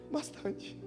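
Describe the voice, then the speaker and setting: A young man with a Brazilian Portuguese accent, preaching at a church youth conference and telling joking stories to the crowd. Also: long reverb tail. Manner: joking, storytelling, addressing listeners as brother. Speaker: pastor. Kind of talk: lively conference sermon. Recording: live church sound with music underneath.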